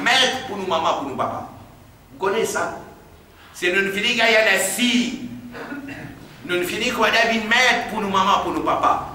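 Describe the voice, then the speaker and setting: Mauritian male preacher, high and bright voice, recorded far off in a very echoey hall with faint hiss. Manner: recites Arabic verses quickly, then translates line by line; drops to a hushed, low tone when telling stories. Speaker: Islamic preacher. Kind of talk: sermon explaining Quran verses. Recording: very echoey hall, distant mic, faint noise.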